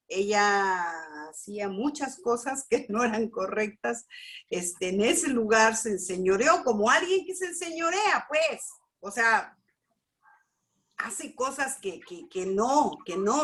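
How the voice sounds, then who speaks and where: A middle-aged woman gives a personal testimony at a church family class, telling her story with lively expression and acting out what people said. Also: fairly high pitch. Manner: animated storytelling, acts out dialogue. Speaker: speaker at a church family school.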